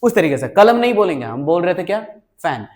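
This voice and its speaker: High-voiced man teaching spoken English. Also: very animated, a little fast, darkish tone. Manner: repeats "ठीक है?" and "right?" to check on learners; mixes Hindi with English words.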